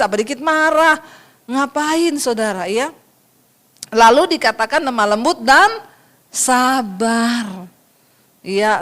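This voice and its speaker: A woman pastor with a high voice preaches a sermon, telling stories in a lively way and often addressing her listeners directly.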